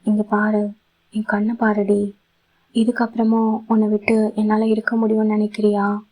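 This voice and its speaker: A woman's voice: medium pitch, monotone, measured pace, warm tone, natural voice, rough recording. A woman voicing a tender young husband. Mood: earnest.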